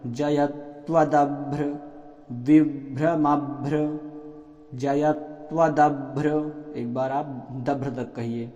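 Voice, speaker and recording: A male teacher slowly chants verses line by line and repeats them. Between lines he gives quieter spoken notes on pronunciation. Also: mid-range voice. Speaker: recitation teacher. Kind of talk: slow verse chanting lesson. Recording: echoey long-reverb hall, dull lo-fi sound, faint music.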